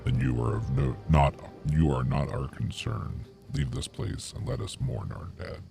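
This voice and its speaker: Man voicing a creaking, gravelly ancient talking tree. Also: lowish voice, very animated, pitched above the performer's own voice, full character voice. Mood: stern. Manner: talking tree voice, slow solemn pronouncements. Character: huge ancient talking tree creature, grim, mournful, menacing. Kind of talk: video game role-play read aloud. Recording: music behind the voice.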